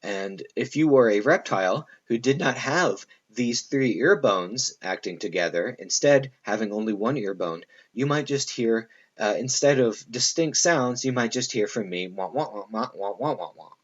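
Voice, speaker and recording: A man's voice: mid-range voice, lively intonation, moderate pace, few pauses, muffled recording. A man giving a classroom lecture in a loose, conversational way, full of fillers and asides to his students.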